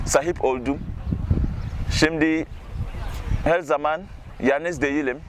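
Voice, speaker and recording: A young man from Ghana with a Ghanaian accent speaks haltingly as a non-native learner, giving an informal testimonial as an international student. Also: fairly high pitch, a little hiss or hum. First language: not Turkish. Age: young adult. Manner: halting, learner's speech with searching pauses.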